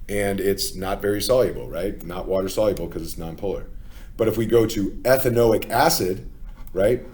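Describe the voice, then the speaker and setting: A man with a Philadelphia accent gives a classroom chemistry lecture, working through it step by step. His voice is mellow and on the low side, and he keeps checking in with "okay?"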